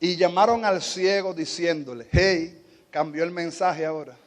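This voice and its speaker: A high-voiced man with a Dominican Spanish accent preaches a sermon. He talks low and steady while teaching, then climbs into fervent, shouted exhortation. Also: moderate pace, in a large hall. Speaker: pastor.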